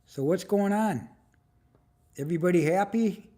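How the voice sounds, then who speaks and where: A man in his seventies hosting a casual livestream, chatting with viewers and firing off quick questions. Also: high voice, warm tone. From United States. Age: 70s. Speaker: livestream host.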